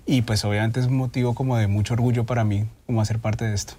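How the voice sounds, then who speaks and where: Relaxed Colombian man, thoughtful guest. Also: fairly low pitch, quick pace. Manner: relaxed, thoughtful, with frequent tag questions. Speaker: guest, DJ and festival co-organizer. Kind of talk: casual interview talk.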